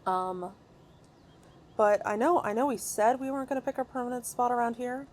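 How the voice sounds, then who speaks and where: Excitable woman rambling over gameplay. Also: fairly high pitch, moderate pace. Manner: excitable, rambling with many fillers and restarts. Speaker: gaming video creator. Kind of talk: casual gameplay commentary. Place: her own recording room at home.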